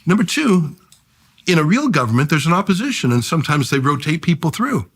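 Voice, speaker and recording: A man's voice: a little high, very animated, fairly quick, slightly rough. A middle-aged man, a journalist and podcast guest, arguing his points punchily and counting them off one by one. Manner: punchy, argumentative, enumerates points. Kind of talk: podcast conversation.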